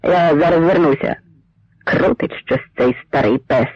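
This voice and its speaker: A man voicing a hungry, brutal male soldier who shouts and jeers coarsely, on a dry, slightly muffled recording. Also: on the high side, unhurried, no echo. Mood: threatening.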